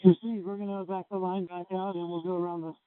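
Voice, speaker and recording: A male firefighter with a high voice reports over two-way radio. The sound is muffled and tightly band-limited. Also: little pitch movement, fast, smooth. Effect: two-way radio transmission.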